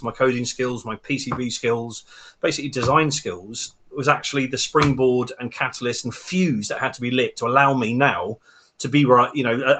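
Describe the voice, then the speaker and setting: Chatting on a casual podcast, a home bitcoin miner and hardware maker talks about mining from home with an upbeat, self-deprecating humor. He is from Texas but grew up in London from eleven, so he speaks with a South London accent in a medium-pitched, fairly bright voice.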